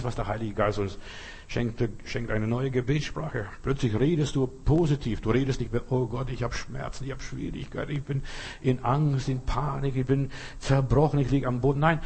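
A man's voice: mid-range voice, a little mellow, slightly rough. A man in his fifties or older, a native Lithuanian speaker, preaching a sermon emphatically and repetitively, speaking straight to the listener.

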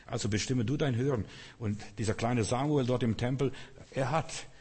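A man's voice: medium pitch, moderate pace, a little mellow, husky. A man preaching a sermon in an earnest, direct way, asking the listeners rhetorical questions. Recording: long reverb of a large hall.

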